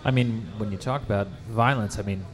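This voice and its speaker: At a public fair, a male radio host with a lowish voice conducts an interview, talking a little quickly. He asks casual, curious follow-up questions in a loose, informal manner.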